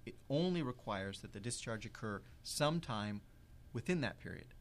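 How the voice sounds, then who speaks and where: Measured man explaining legal rules. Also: fairly low pitch, lively intonation. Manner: measured, precise, stresses key words. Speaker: legal expert guest.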